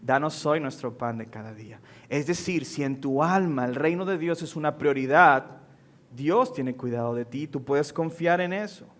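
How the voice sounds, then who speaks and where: A man in his thirties, a pastor preaching a sermon in earnest, slowing down to stress key lines. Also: mid-range voice. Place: church sanctuary.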